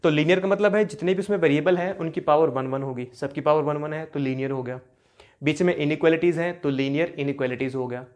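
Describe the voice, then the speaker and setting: Young guy teaching maths, higher voice, keeps asking the class questions and repeating the answer himself, slows right down on the formulas. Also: fairly even intonation. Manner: repeats key terms with quiz-like questions, slowing to spell out expressions. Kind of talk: classroom lecture.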